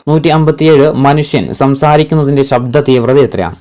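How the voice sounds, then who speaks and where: A man, a tutor reading exam-prep quiz questions aloud, repeating each one and then giving the answer slowly and with emphasis. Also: medium pitch, darkish tone.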